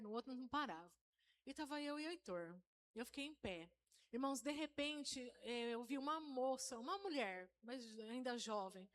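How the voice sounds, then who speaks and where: Woman giving a church testimony. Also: fairly high pitch. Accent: Brazilian Portuguese, interior São Paulo. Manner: storytelling, addresses the congregation as brothers. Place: church hall, live service.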